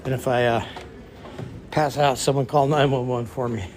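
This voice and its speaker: A travel vlogger walks through the stairwells and lounges inside a cruise ship, chatting with his viewers as he goes and sounding winded from climbing stairs. His voice sits in the mid range, with fairly even intonation and a normal pace, over a noisy background.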